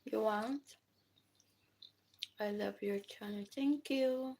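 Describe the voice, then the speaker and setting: A woman with a Filipino accent chatting casually on a livestream mukbang, chewing while talking in short, halting phrases between bites. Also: a little high, darkish tone, a little hiss or hum. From Philippines. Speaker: livestream host.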